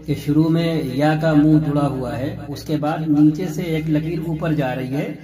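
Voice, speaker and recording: A man's voice: a little high, fairly even intonation, music in the background. A man teaching a script lesson, explaining patiently and repeating each point with fillers.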